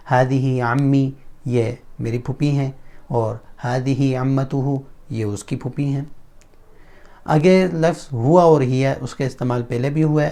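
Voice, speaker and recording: Male teacher, Pakistani Urdu accent, mid-pitched and mellow, deliberate drilling delivery. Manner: slow, deliberate drilling of example sentences with translations. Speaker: Arabic teacher. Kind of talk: spoken-language lesson.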